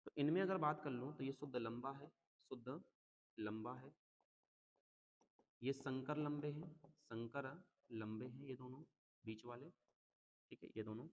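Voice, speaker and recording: A man's voice: medium pitch, moderate pace, dull audio. A male teacher giving an exam-prep lecture, calling his students "beta" and repeating key terms over and over. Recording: long hall reverb.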